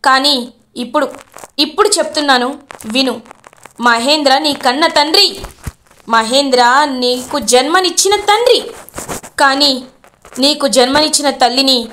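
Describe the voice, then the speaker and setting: A woman's voice: high voice, moderate pace, pauses often, sharp tone, slight background noise. Woman playing a firm, stern mother. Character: stern mother revealing a family secret.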